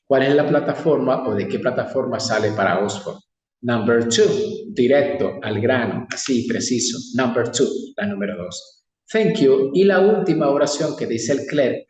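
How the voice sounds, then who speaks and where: Man teacher going over english phrases real slow, mic a bit far, roomy echo. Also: medium pitch, darkish tone. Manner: slow, deliberate, exaggerated English pronunciation. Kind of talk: classroom lesson. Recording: echoey room, distant mic.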